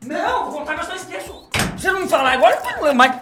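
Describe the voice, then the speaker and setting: A boisterous male host talks quickly in a high, bouncing voice. He jokes crudely with his guest. The room rings with echo, and music plays behind him. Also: expressive. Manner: boisterous, swearing, quick to laugh. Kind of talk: casual talk show chat.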